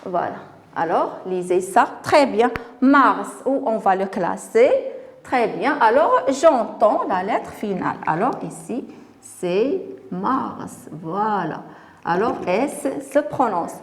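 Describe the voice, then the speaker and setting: Female teacher, unhurried classroom delivery, repeats and stresses words, mid pitch. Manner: slow, deliberate, repeats and stresses words for pupils. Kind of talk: classroom spelling lesson.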